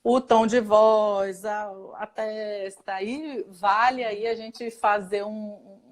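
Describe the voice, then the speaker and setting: A woman's voice: mid-range voice, fairly even intonation, slow. A woman with a Brazilian Portuguese accent, a guest expert in a casual live chat, explaining at length with fillers and laughs.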